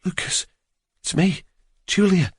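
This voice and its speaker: Guy doing a worried young woman in an audiobook, voice pushed way up, soft and anxious, dry close sound. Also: sits high, takes it slowly, husky, no echo, pitched above the performer's own voice, full character voice. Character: worried young woman kneeling by her injured partner. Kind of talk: audiobook character voice.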